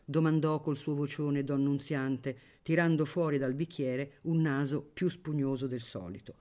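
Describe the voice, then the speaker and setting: A reader narrating a novel in an audiobook with expressive storytelling. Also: mid-range voice, measured pace.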